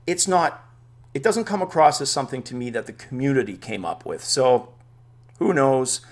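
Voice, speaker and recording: This VR news vlogger, a Dutch native speaker broadcasting casually from his man cave, sounds animated at a moderate pace and medium pitch. Chatty and excited, he works through his thoughts out loud.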